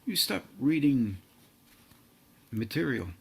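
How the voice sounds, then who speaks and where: A man giving a meditative spiritual talk in slow, halting, drawn-out phrases. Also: medium pitch, sing-song, vocal fry, husky. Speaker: spiritual teacher.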